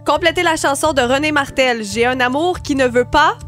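A high-voiced woman with a Québécois accent hosts a morning radio quiz, reading the questions in a lively, brisk way. Soft music runs faintly behind her. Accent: Québécois French. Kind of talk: casual radio banter and quiz hosting.

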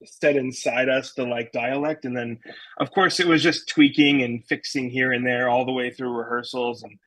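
Man, New England accent, husky voice, dry close sound, chatty interview guest. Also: medium pitch, fairly even intonation, moderate pace, fairly bright tone, no room sound, low-quality recording. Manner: chatty, many fillers and restarts. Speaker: stage actor, interview guest. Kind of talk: casual interview answers.

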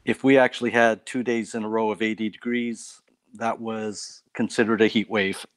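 A man from Canada, a guest on a faith talk show, telling stories about his life in a relaxed way with light laughs. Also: lowish voice, normal speed, dry recording. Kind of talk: casual testimony interview.

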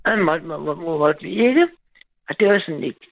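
A woman's voice: sits low, lively intonation, vocal fry. A woman calling in to a night radio show, telling a personal story in a rambling, eager way with many restarts. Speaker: caller. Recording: tinny phone line.

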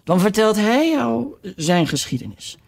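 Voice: medium pitch, sing-song, a little slow, creaky, slight background noise, pitched above the performer's own voice. A reader voicing a furious, tyrannical queen who barks orders. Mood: bossy. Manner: shouting commands. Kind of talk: audiobook reading.

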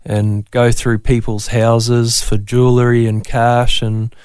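A man's voice: medium pitch, completely flat delivery, takes it slowly, a little mellow, clean tone, no echo, clean studio sound. A man from Brisbane with a Queensland Australian accent, telling his story casually and a little hesitantly as an interview guest. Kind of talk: casual personal testimony in interview.

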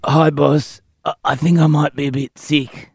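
A man's voice: fairly high pitch, little pitch movement, moderate pace, gravelly, husky, dry recording. A man co-hosting a comedy radio show with wry, dry humour. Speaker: radio co-host.

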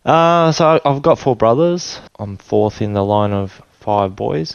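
A man in his forties with an Australian accent, a guest telling his life story in a relaxed, rambling way full of restarts. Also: mid-range voice, unhurried, gravelly, smooth, dry recording, highs cut off. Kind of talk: casual storytelling interview. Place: his home.

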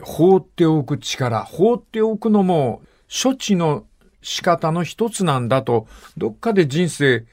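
An older man hosts a morning radio talk, reading listener letters aloud. His speech swings widely in pitch as he tells stories in a lively, animated way, sitting a little higher than most men. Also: unhurried. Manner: lively storytelling, acting out dialect dialogue. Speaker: radio host.

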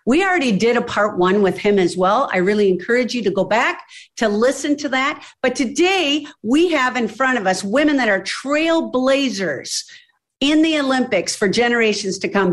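A woman hosting a podcast, talking emphatically and rallying her listeners. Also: on the high side. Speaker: podcast host. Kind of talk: enthusiastic advocacy talk.

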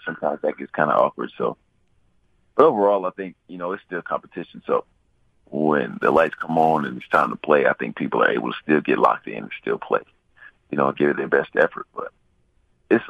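A young man, a pro ballplayer, interviewed on the radio, talking in a relaxed, rambling way with many fillers. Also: rumbling low, fairly quick, vocal fry, slightly rough, no echo. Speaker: pro baseball player interviewee. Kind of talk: casual interview. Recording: tinny phone line.

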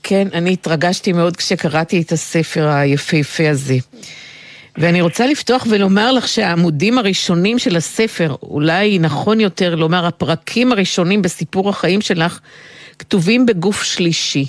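A woman with an Israeli accent interviewing an author, putting long prepared questions in articulate, measured phrases. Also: on the low side, dry recording.

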